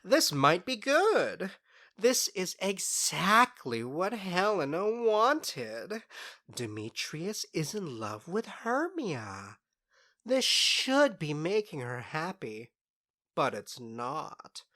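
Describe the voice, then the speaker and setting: In a modern audio drama, a woman voices a sly, mischievous fairy trickster, teasing and theatrical as she savours each word with smug unrepentance. Her full character voice sits on the low side and is a bit bright, very animated yet very slow, with a gleeful mood.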